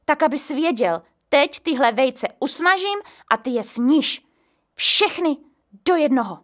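A woman voicing a harried mother in a storybook reading, scolding and giving sharp orders. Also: high-pitched, expressive, pitched above the performer's own voice. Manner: scolding, commanding. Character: harried young mother, stern and shouting.

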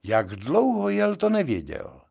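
Gravelly, animated male storyteller. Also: high-pitched. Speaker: narrator. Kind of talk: audiobook reading of a short story.

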